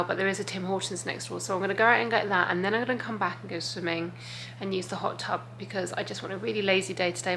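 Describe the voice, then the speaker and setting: A woman's voice: mid-range voice, vocal fry, pushed and bright, slight background noise. A woman chatting casually and informally to camera as a travel vlogger, rambling and confiding.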